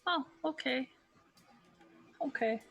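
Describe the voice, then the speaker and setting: A woman's voice: sits high, slow pace, gravelly, fairly bright tone, soft background music. A woman chatting casually as a player in a tabletop game, informal and a little tentative.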